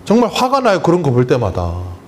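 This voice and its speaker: A man's voice: a little high, huge pitch swings, fairly quick, slight background noise. A man preaching a Sunday sermon as pastor, emphatic and full of rhetorical questions to the congregation. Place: church sanctuary.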